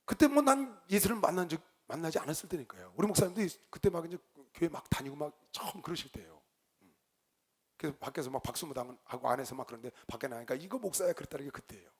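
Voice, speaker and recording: A male pastor preaching, telling a story with lively swings between loud outbursts and quiet low asides. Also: fast talker, breathy edge. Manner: animated storyteller, shouts quoted lines, drops to low asides. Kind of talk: sermon with storytelling.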